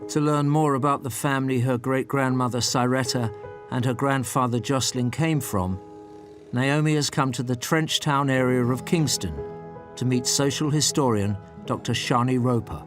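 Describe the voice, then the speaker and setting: Male narrator, mid-pitch, steady scripted voice-over, music behind. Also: normal speed. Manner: even, informative.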